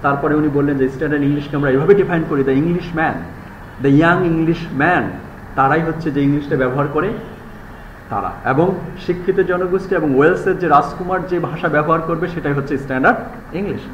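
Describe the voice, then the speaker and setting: A man with a Bangladeshi accent lecturing a university class. He reads English passages slowly and explains them in quick bursts. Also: fairly high pitch, echoey room, dull audio, a little hiss or hum. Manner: switches between rapid Bengali explanations and slow, deliberate English reading. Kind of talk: live classroom lecture mixing Bengali and English.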